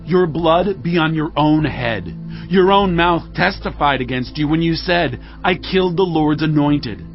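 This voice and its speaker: An actor playing a commanding, grief-laden biblical warrior king in a dramatized audio Bible, declaiming slowly and solemnly. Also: on the high side, dull audio, faint music behind. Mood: stern, accusing. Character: David, grieving, commanding warrior king of Israel.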